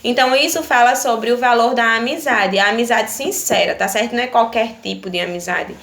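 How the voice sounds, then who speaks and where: A woman's voice: on the high side, a little fast, gravelly, fairly bright tone. A young woman teaching primary pupils in a recorded video lesson, with a Brazilian Portuguese accent, patiently checking in with "tá certo?" after every point. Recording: echoey room with faint ambience.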